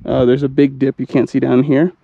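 A man's voice: medium pitch, flat delivery, fairly quick, vocal fry, no room sound, muffled recording. A man vlogging casually outdoors on sand dunes, laid-back and chatty, often saying "like", recorded on an action camera. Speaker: travel vlogger. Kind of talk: casual on-camera vlog chat.

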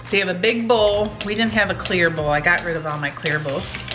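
Brisk and fairly low-pitched, this home cooking vlog host is a woman in her forties. In her home kitchen she chats casually and teasingly while giving recipe instructions, with music in the background and poor audio.

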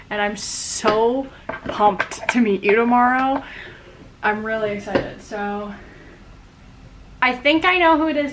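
Young woman, high voice, bubbly sorority-girl gushing, casual vlog chat, faint background noise. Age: young adult. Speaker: vlogger, college sorority member.

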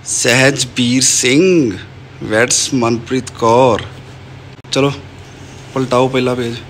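A man's voice: medium pitch, steady tone, takes it slowly, a bit bright, slight background noise. A young man, casually teasing his wife and nephew while showing their wedding album in a home vlog. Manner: teasing, playful banter. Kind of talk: casual family vlog chat.

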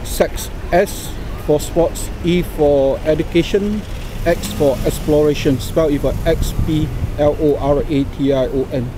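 A middle-aged man with a Singaporean accent gives an informal Singlish product demonstration in halting, deliberate phrases, recorded outdoors on a small camera. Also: a little high. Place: outdoors by a car park and exhibition centre. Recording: noisy outdoor recording with traffic ambience.

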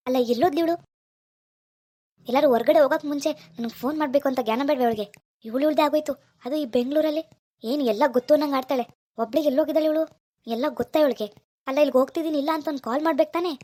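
A woman's voice: high voice, very fast, pauses often, warm tone, close to an everyday voice. Woman voicing a fretful young husband. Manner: scolding, fretful muttering to himself. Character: worried jealous young village husband, man. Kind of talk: cartoon voice acting.

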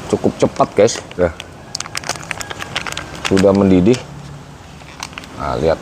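A man's voice: sits low, lively intonation, takes it slowly, background noise. A man in his thirties casually reviewing a camping stove outdoors, explaining step by step and calling viewers guys. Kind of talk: casual product review vlog. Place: outdoor patio garden.

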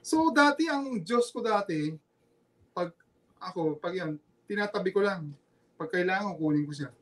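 A middle-aged Filipino man, a former basketball player, talking in an earnest, halting way in a casual interview, often repeating himself. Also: sits high, lively intonation, fairly bright tone. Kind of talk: casual podcast interview, personal testimony.

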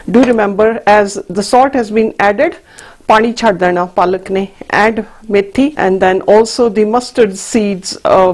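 A woman's voice: medium pitch, a little hiss or hum. A middle-aged woman hosts a cooking demonstration, instructing step by step and mixing in Hindi and Punjabi phrases. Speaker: TV cooking show host. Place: indoor TV studio kitchen.

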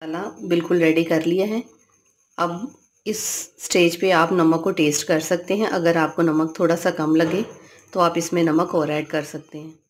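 A woman hosting a cooking channel, calmly explaining each step of a home recipe from her kitchen. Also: on the low side, moderate pace.

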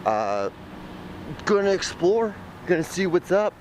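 A young Midwestern travel vlogger, very animated and high-voiced, narrates casually to a handheld camera held at arm's length while walking city streets beside a river. He rambles at a measured pace with jokey, self-deprecating asides. The audio is poor, with a little hiss or hum.

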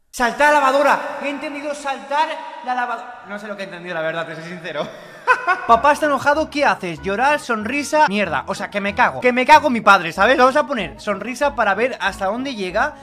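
A young man narrates a game with very high, bright energy. He jokes, swears and bursts into shouts as he reads out choices, with game music playing faintly behind him. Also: expressive, brisk. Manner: loud, swearing, jokey, shouts suddenly. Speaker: gaming YouTuber. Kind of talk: excitable gameplay commentary.

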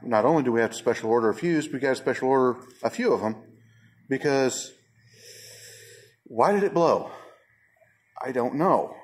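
A man's voice: mid-range voice, quick pace. A man, a mechanic talking in a frustrated, plain-spoken way in a casual shop vlog. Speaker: auto mechanic. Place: auto repair shop.

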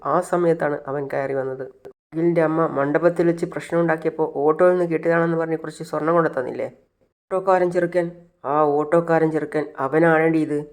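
A man's voice: a little high, darkish tone, clear, resonant tone, natural voice. A man playing a stern, angry father who scolds his grown daughter, in a retold family serial.

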